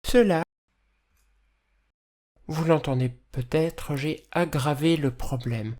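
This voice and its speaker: A person with a slight lisp and hissy, slushy s sounds, explaining audio editing as a tutor in a measured, careful way. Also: medium pitch, darkish tone. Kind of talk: instructional screencast narration, explanatory.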